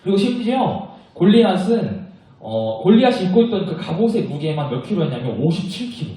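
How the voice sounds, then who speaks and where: A young man preaching to children, telling a Bible story in a lively way and asking the kids questions as he goes. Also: high voice, a little fast, distant mic. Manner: animated, asks children questions. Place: church worship room. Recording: echoey room, voice from afar.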